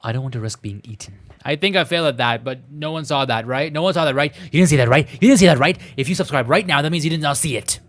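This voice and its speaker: Here the man's voice is fairly high and fairly bright, racing along with hardly any pauses as he reads a visual novel for a gameplay video. Music runs underneath his playful, self-deprecating commentary and his stumbles over the text.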